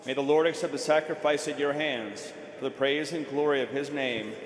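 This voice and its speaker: A man reciting the responses of the Mass in a steady, even way, heard with cathedral echo from across the church. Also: a little high, moderate pace. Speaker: congregant giving the Mass responses. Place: large church interior. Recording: distant voice in a long, echoing church hall.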